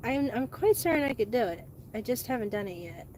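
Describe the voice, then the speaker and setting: A woman host rambling excitedly in a casual monologue, laughing often. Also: a little high, brisk, a little hiss or hum. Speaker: channel host.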